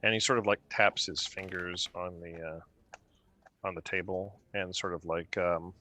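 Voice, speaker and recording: A man narrating as game master of a tabletop game, halting and full of fillers. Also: low voice, steady tone, sharp tone.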